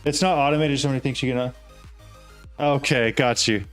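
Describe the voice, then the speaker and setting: Male streamer, mid-pitched, casual and puzzled, thinking aloud over light music. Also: steady tone, fairly quick, a bit bright. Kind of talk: casual live gameplay talk.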